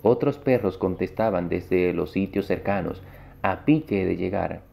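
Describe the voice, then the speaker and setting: Deep gravelly man reading a story. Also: dark tone. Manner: halting read-aloud with frequent restarts. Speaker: reader. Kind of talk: reading a short story aloud.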